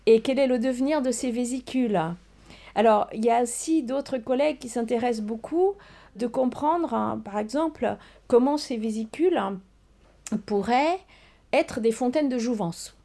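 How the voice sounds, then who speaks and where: A woman's voice: fairly high pitch, normal speed, vocal fry, warm tone. An older woman, a scientist answering interview questions, hesitant with many fillers and restarts. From Portugal. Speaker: research scientist guest.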